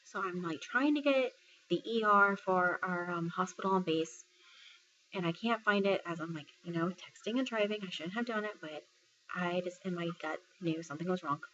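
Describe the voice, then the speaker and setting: A woman's voice: fairly low pitch, normal speed, fairly bright tone, muffled recording, a little hiss or hum. A woman from Texas, a military service member retelling a personal story in a casual vlog, full of fillers and quoting what others said. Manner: conversational retelling, filler-heavy, quotes others' words.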